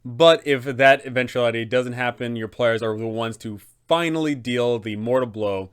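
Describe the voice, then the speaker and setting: A young adult man with a mid-range voice and a clean tone hosts an explanatory tabletop game video, talking at a moderate pace. He acts as host and game master advisor, speaking with enthusiasm and emphasis while seated in a small indoor room.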